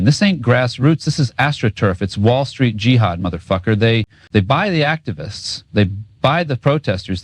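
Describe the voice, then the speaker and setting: A man's voice: fairly low pitch, no room sound. A man co-hosting a political talk show, trading a scripted rant in sarcastic, cynical, profane street talk. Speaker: co-host.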